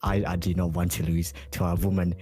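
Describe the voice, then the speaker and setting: A man's voice: deep voice, flat delivery, fairly quick, music in the background. A young man chatting casually on a podcast, joking and repeating himself for emphasis. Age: young adult. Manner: joking, laughing, emphatic repetition. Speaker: podcast co-host.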